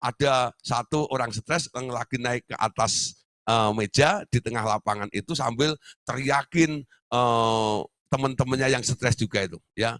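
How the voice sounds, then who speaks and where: A man's voice: mid-range voice, a little slow, fairly bright tone, dry recording, clean studio sound. A male pastor preaching in a conversational storytelling way, often laughing as he talks. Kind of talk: sermon.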